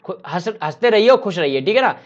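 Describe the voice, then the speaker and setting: A man's voice: high-pitched, sing-song, quick pace. A man teaching civil engineering in a casual online lecture, asking and answering his own questions. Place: home room during a power cut. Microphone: laptop. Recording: slightly dull lo-fi audio.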